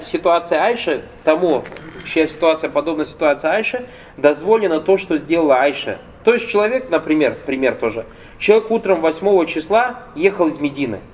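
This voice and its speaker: A man's voice: fairly high pitch, a little mellow. A man giving a religious lecture, explaining point by point and asking his listeners rhetorical questions. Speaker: Islamic lecturer. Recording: dull lo-fi lecture recording with faint noise.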